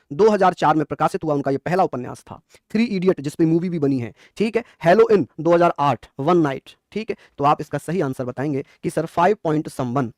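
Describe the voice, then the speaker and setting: A man's voice: on the high side, darkish tone, no room sound, studio quality. A man teaching an exam quiz class, coaxing answers and praising often.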